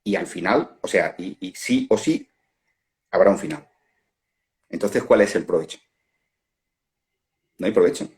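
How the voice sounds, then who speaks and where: Un hombre con acento de España que da una charla espiritual reflexiva con calma, pensando en voz alta y riéndose de sus propios ejemplos, grabado con un teléfono en una transmisión en directo. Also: male voice, sits low. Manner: unhurried, musing, laughs at own examples. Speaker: non-duality facilitator. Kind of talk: reflective spiritual talk. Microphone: phone on a live stream.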